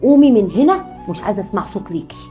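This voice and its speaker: A woman's voice: medium pitch, lively intonation, rapid-fire, mellow, faint music behind, natural voice. An actress playing a cruel, scornful middle-aged mother-in-law in a sketch, speaking with an Egyptian accent. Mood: spiteful. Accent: Egyptian Arabic. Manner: harsh, scornful, insulting. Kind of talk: comedy sketch acting.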